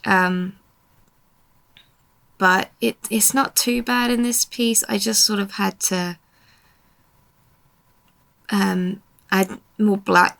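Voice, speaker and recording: A young woman with a mid-range, slightly bright voice and some vocal fry narrates a casual voiceover about her own painting. She sounds tired, yawns, and grumbles at herself in a self-deprecating way.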